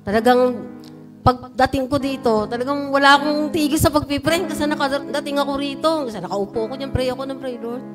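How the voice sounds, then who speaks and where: A woman telling her church testimony, recounting her story and building into loud, fervent praise. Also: high-pitched, fairly even intonation, brisk, over music. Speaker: church member giving testimony. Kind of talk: personal testimony at a prayer meeting. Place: church sanctuary.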